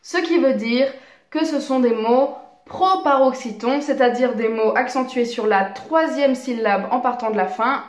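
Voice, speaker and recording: A woman teaching a language lesson, explaining grammar rules with enthusiasm and slowing down to spell out example words. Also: on the high side, echoey room.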